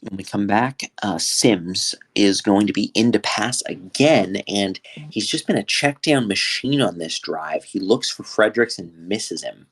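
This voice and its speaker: A man giving play-by-play commentary on a football game, with steady, conversational calls and frequent fillers. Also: on the low side, measured pace, breathy edge.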